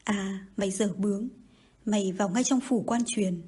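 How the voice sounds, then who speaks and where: Woman reading haughty noble lady, scornful scolding, husky mellow voice. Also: mid-range voice, moderate pace, close to an everyday voice. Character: haughty scolding mandarin's wife. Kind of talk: audiobook reading.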